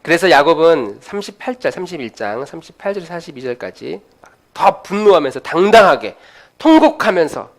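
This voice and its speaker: Animated preacher telling a story. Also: male voice, on the high side, moderate pace. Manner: animated storytelling with frequent fillers. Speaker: pastor. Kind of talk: sermon.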